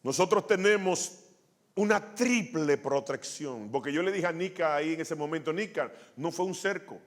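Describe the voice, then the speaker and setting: Animated male pastor preaching. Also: on the high side, moderate pace. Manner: storytelling, acting out quotes, many restarts. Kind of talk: sermon with testimony.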